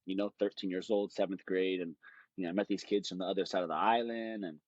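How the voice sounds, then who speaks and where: A jiu-jitsu fighter from Hawaii in his late 20s tells stories as a podcast guest in a rambling, easygoing, casual way. His low-pitched voice is steady in tone and fast. The recording is dry and dull.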